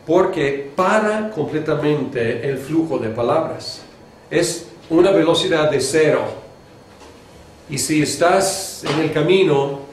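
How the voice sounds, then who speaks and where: A man from Mexico gives a seminary lecture on preaching in a loose, conversational way. He swings his own voice up and down to show the points he makes. His voice sits a little high, and the room echoes with a faint hiss behind it. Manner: demonstrates pitch and pace shifts with his own voice; conversational, with fillers and restarts. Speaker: homiletics teacher. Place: seminary classroom.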